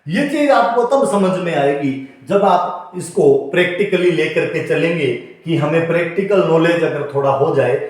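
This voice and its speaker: A man's voice: sits high, a little mellow. A man teaching a lesson, explaining step by step and spelling out example words. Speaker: English teacher. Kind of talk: spoken classroom-style lesson. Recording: very echoey room.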